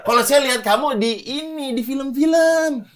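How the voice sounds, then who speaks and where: Seorang pria membawakan sketsa komedi improvisasi dengan gaya menggoda dan sering tertawa. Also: male voice, extremely high pitch, fairly bright tone. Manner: teasing, jokey, quick laughs. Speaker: comedy sketch host. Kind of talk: improvised comedy sketch. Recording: audience crowd clearly audible.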